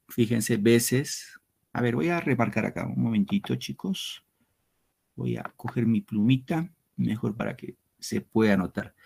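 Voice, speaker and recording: Slow-speaking male teacher. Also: medium pitch, creaky. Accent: Peruvian Spanish. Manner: slow, explains step by step to students. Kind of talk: online class lesson. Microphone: computer mic on a video lesson.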